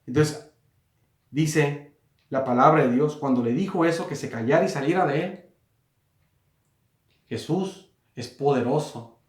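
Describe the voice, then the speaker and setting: A man preaching a sermon in a small room, repeating and rephrasing his points and rising to loud emphasis on quoted words. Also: a little high, measured pace, pauses often, roomy sound. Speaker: pastor.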